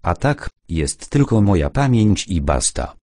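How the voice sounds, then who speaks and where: A man reading an audiobook, voicing a fussy, excitable older gentleman who turns jovial. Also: low voice, measured pace, no echo, studio quality, heavily acted. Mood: indignant. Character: nervous, cheerful older man, treasure seeker. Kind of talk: audiobook character voice.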